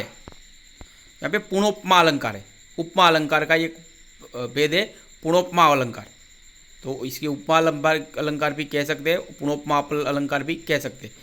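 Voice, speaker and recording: A man teaching a grammar quiz lesson. He recites verse examples slowly, then explains each one plainly. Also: a little high, bright, forceful tone.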